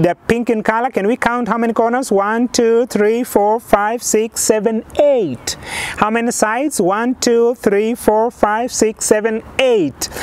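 A man in his thirties presenting an outdoor lesson as a kids show host, asking guessing questions and counting aloud step by step. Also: high-pitched. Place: outdoors on a lawn in a yard. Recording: faint outdoor background noise.

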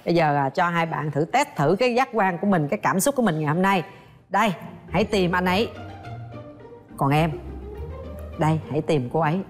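A woman's voice: fairly low pitch, animated, faint music behind. A woman hosting a dating show, playful and chatty, joking with the guests. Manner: teasing, chatty, quick to joke. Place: studio set of a dating show.

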